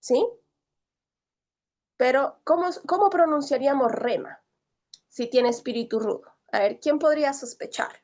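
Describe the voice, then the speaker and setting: A woman with a high, light voice teaches an online class. She explains patiently and keeps turning to her students with questions, checking that they follow. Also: unhurried, pauses often, a little mellow, lo-fi sound. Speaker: Greek teacher.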